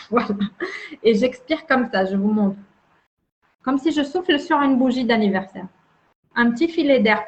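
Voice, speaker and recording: A woman explaining a calming emotion exercise in conversation, gentle and demonstrative, often repeating her words. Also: fairly high pitch, lo-fi sound. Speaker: emotional wellbeing guide.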